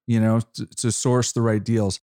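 A podcast host with a fairly low, level, slightly mellow voice leads a casual interview. He's halting, often stopping and restarting as he frames questions, and he affirms the guest's points.

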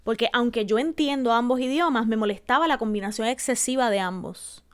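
A woman's voice: fairly high pitch, a bit bright, clear, resonant tone. Puerto Rican woman hosting a speech podcast. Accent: Puerto Rican Spanish. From Puerto Rico. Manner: didactic, slows to spell out examples. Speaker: podcast host. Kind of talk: solo podcast lesson on speaking.

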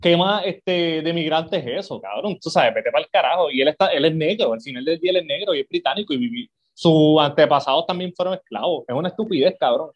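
Swearing heavily, this podcast co-host spins animated stories in a casual conversation. His voice sits on the high side and runs a little fast with hardly any pauses, and the sound is lo-fi.

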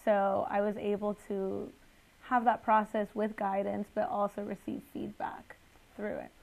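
Woman with a gravelly edge, from Guatemala. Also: mid-range voice, flat delivery, unhurried, darkish tone, low-quality recording. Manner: earnest, chatty with frequent fillers. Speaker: guest entrepreneur. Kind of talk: podcast interview.

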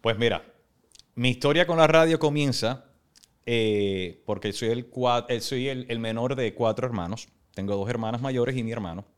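A man who is a radio executive, a guest on a podcast, telling stories from his life in a relaxed, personal way. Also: medium pitch, normal speed, clean tone. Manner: relaxed, personal storytelling with English interjections. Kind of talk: casual interview storytelling. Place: podcast studio.

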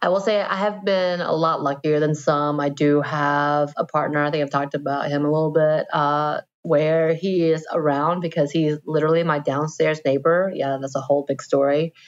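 Woman cohost chatting casually, low voice, kinda muffled home call recording. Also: little pitch movement, moderate pace, few pauses. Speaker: podcast co-host. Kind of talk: casual chat. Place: dining room at home. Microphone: home microphone and headset over an internet call. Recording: slightly dull home internet-call recording.

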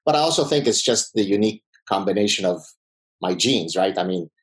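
A middle-aged Middle Eastern professor, a native Arabic speaker, appears as a podcast guest and fields interview questions with confidence, combativeness and wry humor. His voice sits on the low side, with lively intonation, a brisk pace and a fairly bright tone.

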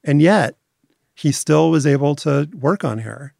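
A man interviewed about his documentary series, explaining in articulate, measured terms. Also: on the high side, creaky, a little mellow, no room sound, studio quality. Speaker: documentary series maker as guest. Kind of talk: conversational interview.

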